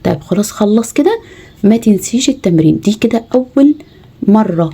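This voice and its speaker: Woman, Egyptian Arabic accent, very mellow dark tone, patient early-reading lesson, letters spelled slowly. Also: mid-range voice, lively intonation, husky. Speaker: teacher guiding mothers. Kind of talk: home tutoring lesson.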